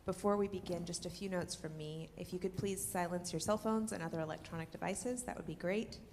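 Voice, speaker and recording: A woman's voice: fairly low pitch, vocal fry, a little mellow. A woman, the venue manager, delivering polite housekeeping announcements. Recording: hall reverb, faint room noise.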